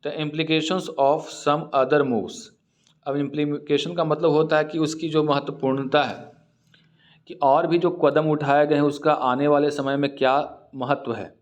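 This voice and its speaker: A man's voice: a little high, flat delivery, dull audio. Hindi-speaking man teaching English vocabulary. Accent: Indian. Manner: reads English lines slowly, then explains word meanings. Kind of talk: explaining an English newspaper editorial in Hindi.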